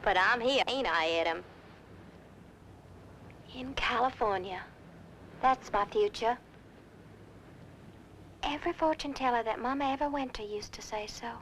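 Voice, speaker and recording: A coy Southern belle. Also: female voice, fairly high pitch, fairly bright tone, slight background noise. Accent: American Southern. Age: young adult. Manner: drawling, coy. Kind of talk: 1960s TV drama acting.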